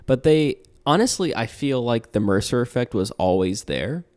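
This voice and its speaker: A man's voice: mid-range voice, animated, moderate pace, darkish tone. A young man talking casually on a podcast about tabletop games, earnest and rambling with restarts and fillers. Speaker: podcast guest, tabletop player and game master.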